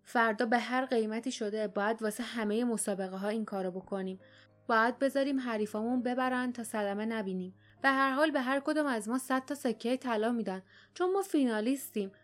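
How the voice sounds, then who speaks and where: Woman narrator doing a small, fierce young heroine, scornful and sharp, voice pitched high. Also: faint music behind, close to an everyday voice. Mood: scheming.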